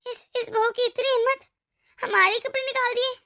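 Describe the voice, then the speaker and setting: A woman's voice: very high voice, fairly even intonation, normal speed, sharp tone, full character voice. A woman voicing a bossy, scheming older mother-in-law in a cartoon, with a nagging, scolding manner. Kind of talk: cartoon voice acting.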